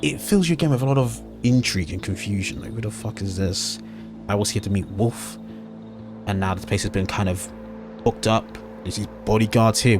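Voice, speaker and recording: A man narrating as game master of a tabletop game, casual and hesitant, full of ums and self-corrections, with frequent swearing. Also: on the low side.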